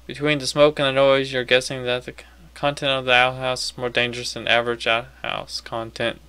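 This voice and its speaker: A man's voice: medium pitch, flat delivery, fairly quick, bright, forceful tone, smooth. A man giving casual video game commentary, talking to himself and reading on-screen text aloud. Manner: self-talking, casually reacting. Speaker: gamer playing on commentary.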